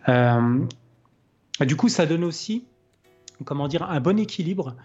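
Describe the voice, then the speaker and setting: A man's voice: on the high side, lively intonation, unhurried. A man hosting a podcast, casually explaining his guitar technique between played examples, thinking aloud with many hesitations. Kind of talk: casual explanatory chat with playing demos. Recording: slightly dull lo-fi sound. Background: faint guitar playing.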